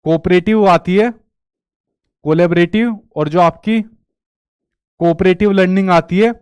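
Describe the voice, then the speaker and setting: A man's voice: sits high, a little mellow, smooth, no echo, clean studio sound. A young man teaching an online exam-prep class, asking the class questions and answering them himself.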